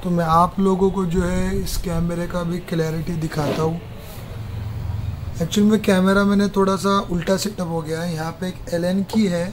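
A man casually walking viewers through a camera setup step by step in a phone repair workshop, talking to them like friends. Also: high voice. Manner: chatty, addresses viewers as brother, step-by-step. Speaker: mobile repair technician. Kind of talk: casual how-to walkthrough. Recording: noisy room with street traffic.

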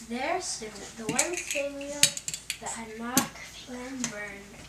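Young girl reading a fairy tale aloud, high voice, stumbles and restarts. Recorded far off in an echoey room with loud kitchen clatter. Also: takes it slowly, heavy background noise. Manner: reads with small slips and restarts. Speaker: storyteller.

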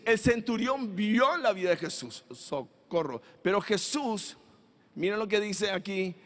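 High-voiced, emphatic pastor. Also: male voice, big-room sound. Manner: emphatic, animated preaching with call-and-response. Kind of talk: sermon. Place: church.

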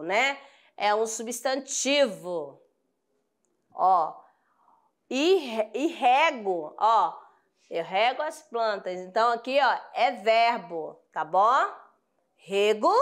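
A woman's voice: sits high, fairly bright tone. A woman with a Brazilian accent teaching a grammar lesson, patiently repeating examples and often checking that her students follow. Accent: Brazilian Portuguese. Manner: addresses students affectionately.

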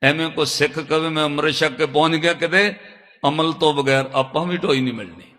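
A man's voice: on the high side, brisk, sharp tone. A man preaching a storytelling sermon to a congregation, earnest and pleading, sometimes breaking into sung verses. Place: large hall with a congregation. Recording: long reverb of a large hall.

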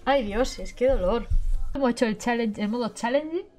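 A woman's voice: on the high side, normal speed, darkish tone, faint music behind. A young woman with a Spain Spanish accent commentating her gameplay, pleading and laughing in panic. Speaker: gaming YouTuber. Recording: faint background noise.

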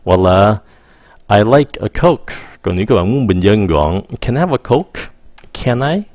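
A man, teaching English in a casual, patient lesson and repeating example phrases slowly. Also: on the low side, animated, darkish tone, no echo, studio quality.

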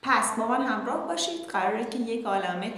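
Woman teacher giving an online lesson, upbeat, slows way down for examples, really echoey room w faint noise. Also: fairly high pitch. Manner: lively, addresses viewers as kids, slows down to model English phrases. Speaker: English teacher.

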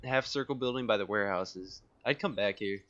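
A man's voice: fairly low pitch, fairly quick, fairly bright tone, dry recording, highs cut off. A man in casual voice chat during an online shooter, calling out enemies and laughing nervously. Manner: jittery, laughs often, calls out positions. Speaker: gamer.

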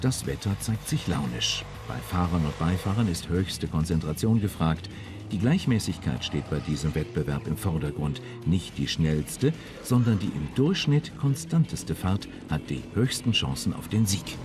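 A man narrating a car magazine report in a measured, informative voice-over. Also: deep voice, very animated. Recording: voice-over with music beneath.

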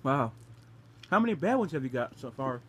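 A young man talks casually to his phone camera while eating gross jelly beans. His voice sits at an ordinary middle pitch. The home recording has a faint noise under it. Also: very animated, moderate pace, fairly bright tone. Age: young adult. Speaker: vlogger hosting a taste challenge. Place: small bedroom indoors. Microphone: phone camera at arm's length.

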